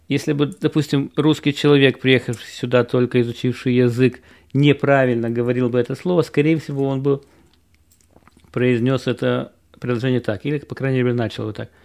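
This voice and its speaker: A man from Russia talks casually to his viewers, rambling and explaining as he goes, with a gravelly, creaky edge in his voice. His pitch sits in the ordinary middle for a man, and he stops now and then to demonstrate English pronunciation. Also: steady tone, normal speed, darkish tone. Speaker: author and programmer.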